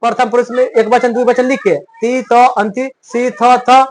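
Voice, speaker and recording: A man's voice: very high voice, steady tone, unhurried. A man teaching a Sanskrit grammar lesson in plain, rustic talk. He keeps asking a question and then answering it himself as a drill. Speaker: Sanskrit tutor.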